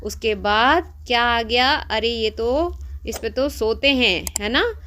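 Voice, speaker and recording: A woman teaches young pupils a language lesson and coaxes them to say each word back after her. Her voice is bright and fairly high. She speaks slowly and deliberately. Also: slight background noise. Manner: coaxing, asks pupils to repeat after her. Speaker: Sanskrit teacher. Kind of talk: classroom lesson for schoolchildren.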